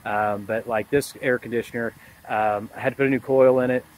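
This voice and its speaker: Recorded on a phone at arm's length outside next to an AC unit, this HVAC technician in his forties chats to the camera in an explanatory way. He speaks at medium pitch with a steady tone, a little fast. The audio is poor, with background noise from the yard.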